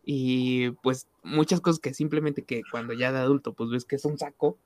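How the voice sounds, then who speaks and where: A young man with a Mexican accent in a casual chat, relaxed and chuckling as he tells a story. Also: mid-range voice, moderate pace, no room sound. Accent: Mexican Spanish.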